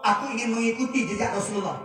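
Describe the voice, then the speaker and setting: A man voicing a gentle elderly male companion who speaks calmly and like a father. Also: very high-pitched, fast talker, music in the background, pitched above the performer's own voice. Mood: earnest. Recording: echoey hall, distant mic, crowd.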